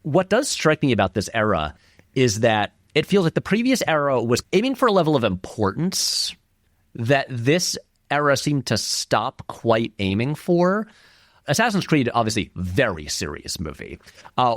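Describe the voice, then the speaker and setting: In relaxed conversation as an interview guest, a film video essayist speaks at normal speed in a mid-range voice, frequently saying "like," starting over and briefly acting out quotes with animation. The recording is dry and clean, of studio quality.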